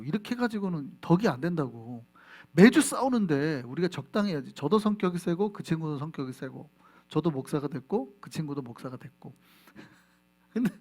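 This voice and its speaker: A man preaching a Sunday sermon as pastor, lively, asking the congregation questions and answering them himself. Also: a little high. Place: church sanctuary.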